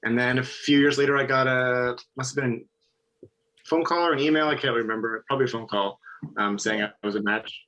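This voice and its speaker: Fast-talking young man. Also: mid-range voice, fairly bright tone, rough recording. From Nova Scotia, Canada. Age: early 20s. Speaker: stem cell donor, interview guest. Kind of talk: casual conversation.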